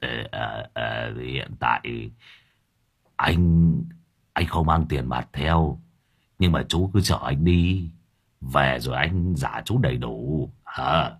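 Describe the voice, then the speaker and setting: A man voicing a scruffy, broke middle-aged male vagrant who stammers and pleads in a hushed tone. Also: a bass voice, takes it slowly, gravelly, husky, voice pushed down, exaggerated voice. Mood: sheepish pleading.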